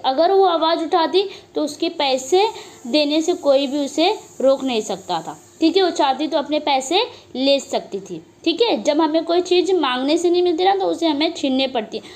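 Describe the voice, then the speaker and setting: A woman's voice: sits high, darkish tone. A woman teacher explaining a play to students, asking herself questions and answering them, with frequent "okay" fillers. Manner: asks herself questions and answers them, repeats 'okay' often.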